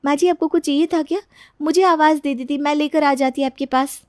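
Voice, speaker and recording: A woman voicing a timid young daughter-in-law in a cartoon story, talking in a high, nervous, pleading way. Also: fairly even intonation, a little fast, dry recording, clean studio sound, natural voice. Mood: eager.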